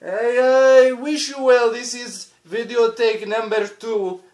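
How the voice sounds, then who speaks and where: A man playing a proud Russian homeowner, showing off his house in broken English with a put-on Russian accent and a deadpan, boastful manner. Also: extremely high pitch, slow. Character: proud Russian man giving a home tour. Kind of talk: comedic home tour video.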